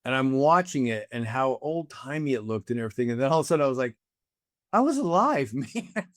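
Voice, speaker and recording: A man's voice: medium pitch, racing, no room sound, studio quality. A man in his sixties, a guest in a casual conversation, musing reflectively with an easy, sometimes profane manner.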